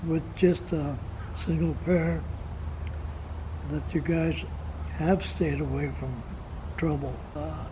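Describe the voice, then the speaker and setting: Very old American grandfather, nineties, reminiscing haltingly at a very slow pace, with clear background noise. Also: fairly high pitch, steady tone. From Montana, United States. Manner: halting, slow, repeats words while searching for them. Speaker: grandfather being interviewed. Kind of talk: reminiscing, casual conversation. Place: outdoors in the sun.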